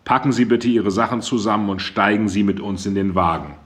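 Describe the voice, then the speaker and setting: A man's voice: fairly low pitch, steady tone, brisk, lightly acted. A man voicing a female police detective who arrests a suspect in formal, firm words in an audiobook. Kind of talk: audiobook character voice.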